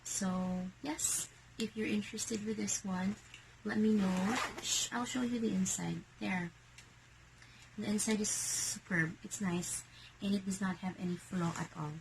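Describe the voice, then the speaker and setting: A Filipino woman in a casual vlog, showing and selling secondhand bags in a hushed, half-whispered voice. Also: medium pitch, fairly even intonation, measured pace, creaky, noisy background. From Philippines.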